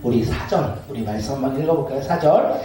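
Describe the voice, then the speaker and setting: A man's voice: medium pitch, quick pace, crowd noise. A man preaching a sermon as pastor, asking his congregation questions and acting out everyday scenes with laughter. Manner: asks the congregation questions and waits for replies. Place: church sanctuary. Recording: echoey church hall from a distance.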